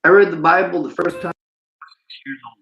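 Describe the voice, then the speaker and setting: A man's voice: fairly high pitch, a little fast, fairly bright tone. A man livestreaming a preachy monologue and reading chat comments aloud. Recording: roomy, dull lo-fi sound.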